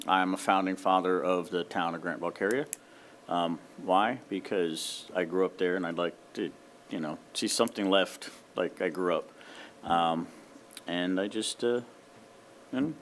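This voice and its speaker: Deep-voiced plain-spoken man from Florida. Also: measured pace, pauses often, fairly bright tone, a little hiss or hum. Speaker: committee member. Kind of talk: self-introduction at a meeting.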